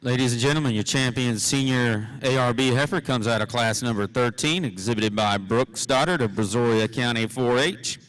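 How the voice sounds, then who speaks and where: A man's voice: medium pitch, moderate pace, hardly any pauses, fairly bright tone, poor audio. A man making formal public-address announcements of results as a livestock show announcer.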